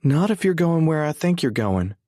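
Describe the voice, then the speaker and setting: A man narrating an audiobook, voicing an excitable, emotional mother who can turn stern and pleading. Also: fairly high pitch, normal speed, no echo, studio quality, pitched above the performer's own voice. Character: eager, emotional middle-aged mother.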